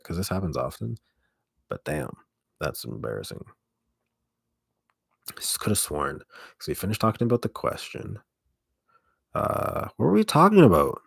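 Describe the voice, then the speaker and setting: A man with an extremely low voice full of vocal fry talks in a loose, casual livestream style. He is halting and keeps cutting into his own sentences. The sound is dry and close-miked, with a husky grain to the gravelly tone. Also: no echo. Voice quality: deep, gravelly voice. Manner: halting, self-interrupting, mild swearing. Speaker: ASMR streamer hosting a live stream. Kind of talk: casual rambling livestream chat.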